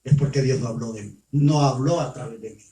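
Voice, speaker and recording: A firm, solemn prophet, as a preacher voices him. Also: male voice, medium pitch, fairly quick, warm tone, pitched below the performer's own voice, natural voice. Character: steadfast male prophet of God. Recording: roomy sound from far off.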